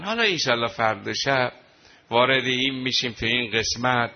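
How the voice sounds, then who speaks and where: A man's voice: mid-range voice, slight background noise. A man preaching a sermon, speaking casually to the congregation before moving into an emotional mourning recitation. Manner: emotional, rising to a wailing lament. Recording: dull lo-fi recording with faint ambience.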